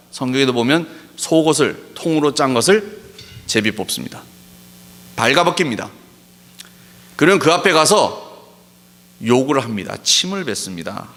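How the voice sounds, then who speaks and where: A man preaching a sermon as pastor, pressing his points with emphatic rhetorical questions and slowing down to stress key words. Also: medium pitch, fairly bright tone. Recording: long hall reverb.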